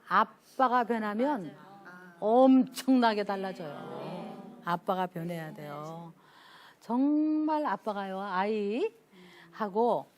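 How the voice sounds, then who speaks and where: A woman giving a church lecture on parenting, telling stories in an animated way and acting out the family dialogue. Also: fairly high pitch.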